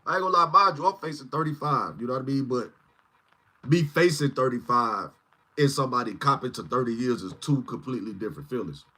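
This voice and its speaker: Husky-voiced man in his forties. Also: medium pitch, lively intonation, fast talker, bright, forceful tone. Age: 40s. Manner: rambling, keeps asking "you know what I mean". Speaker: channel host. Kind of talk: casual livestream talk.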